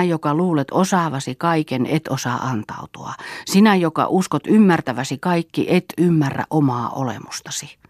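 A woman's voice: low voice, breathy edge, no room sound, clean studio sound. Woman reading as a proud, sorrowful young woman. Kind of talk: audiobook reading.

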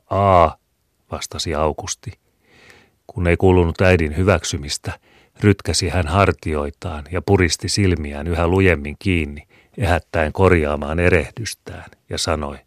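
Very deep-voiced male storyteller. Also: no room sound, studio quality. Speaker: narrator. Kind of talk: scripted narration of a classic story.

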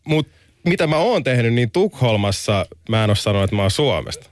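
A man's voice: mid-range voice, big pitch swings, noisy background. A man guest in a casual chat, answering thoughtfully and hedging his points. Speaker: guest, club host.

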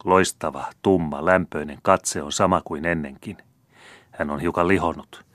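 A man narrating a classic novel as an audiobook in a measured, literary reading. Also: deep voice, fairly even intonation, a bit bright, dry recording.

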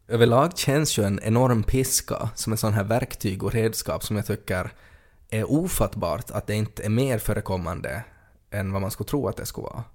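A man's voice: on the low side, pauses often. A man co-hosting a podcast in casual chat, joking and riffing playfully on absurd ideas. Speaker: podcast co-host.

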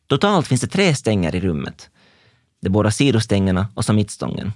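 Young male narrator, intense and introspective, dry close sound, animated delivery. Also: lowish voice, no echo. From Finland. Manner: intense, introspective present-tense telling. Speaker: dancer telling his own story. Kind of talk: scripted first-person narration.

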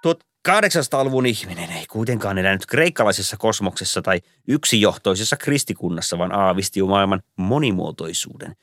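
A man's voice: low voice, expressive, few pauses, a bit bright, no echo, studio quality. A man voicing a long-winded, pompous old male Santa Claus in an audiobook reading, rambling on like a lecturer. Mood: lecturing.

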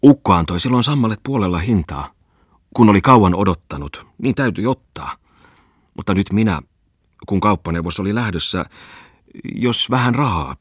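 A man's voice: sits low, no echo, studio quality. A man voicing a timid young male clerk who stammers nervously and pleads. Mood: pleading. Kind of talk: audiobook character voice.

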